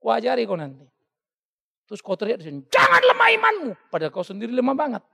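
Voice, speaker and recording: A male pastor preaching a sermon in an animated way, often acting out the voices of the people he quotes. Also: high voice, racing, gravelly, long reverb tail. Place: church hall.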